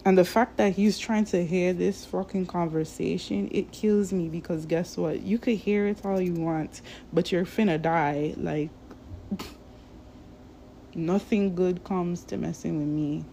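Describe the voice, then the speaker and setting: Woman vlogger, low and dark, slow profane rambling rant. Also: fairly even intonation, creaky, a little hiss or hum. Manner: profane, rambling, drawn-out delivery. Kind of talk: casual ranting monologue.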